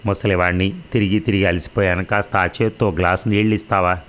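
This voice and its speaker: A man's voice: sits low, little pitch movement, fast talker, a bit bright. A man voicing an anxious, tired old landlord who speaks in a polite, pleading way in an audio story. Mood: worried pleading.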